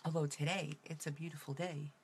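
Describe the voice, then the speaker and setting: A chatty woman with a New York accent and a low voice talks through a casual makeup tutorial. She rambles and drifts off topic, and a faint hiss sits under her voice. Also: little pitch movement, a little fast. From Brooklyn, New York.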